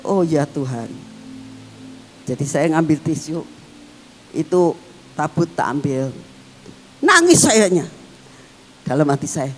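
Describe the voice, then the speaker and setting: A woman pastor, preaching a sermon as emotive storytelling that swings between excited and hushed. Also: lowish voice. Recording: long hall reverb with faint music.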